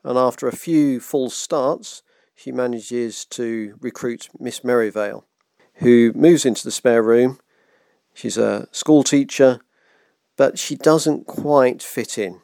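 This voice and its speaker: A man hosting a virtual book club, reading a children's novel aloud in a gentle, measured way. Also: mid-range voice, creaky, dry recording, studio quality. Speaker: book club host and reader.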